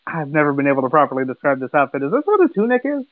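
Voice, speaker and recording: A man joins a tabletop game over a thin, phone-like line with a dry sound. His voice sits a little high. He jokes and rambles through his narration. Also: sing-song, rapid-fire, dry recording. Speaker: player. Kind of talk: casual tabletop role-play. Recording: dry, phone-like call audio.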